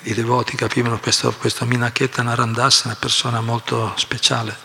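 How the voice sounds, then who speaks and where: A man explaining a scripture reading at a devotional class, telling the story in an animated way with asides and repetitions. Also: mid-range voice, brisk, gravelly, big-room sound, a little hiss or hum.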